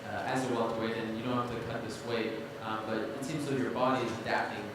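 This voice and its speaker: A man's voice: medium pitch, level tone, quick pace. A man working as a reporter, putting long questions to people at a press conference. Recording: cavernous echoey hall, distant, noisy.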